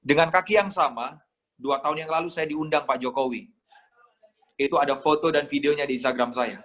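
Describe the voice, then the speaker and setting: A man's voice: on the high side, a little fast, a bit bright. A young man from Indonesia preaching a sermon, telling stories with strong emotion and acting out pleading voices. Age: young adult. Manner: emotional, dramatic storytelling, acts out pleading voices. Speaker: pastor.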